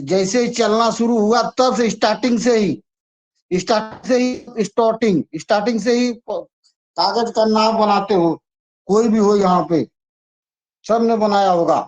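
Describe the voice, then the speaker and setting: A man teaching an exam-prep lesson, chatty and repetitive as he coaxes students through memory tricks. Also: sits high. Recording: dull lo-fi sound.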